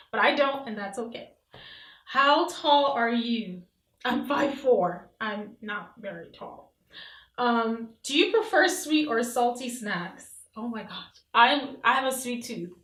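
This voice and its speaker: A Nigerian beauty vlogger in her thirties chats casually to the camera, her medium-pitched voice picked up by the camera mic with a roomy, poor-quality sound. She reads questions off her phone and adds warm-hearted asides along the way.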